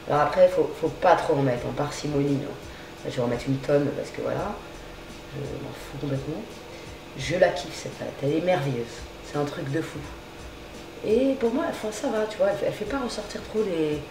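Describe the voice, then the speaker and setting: A woman's voice: deep voice, noisy background. Slangy, chatty woman in an echoey room. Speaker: beauty vlogger. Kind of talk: casual makeup tutorial chat. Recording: roomy echo.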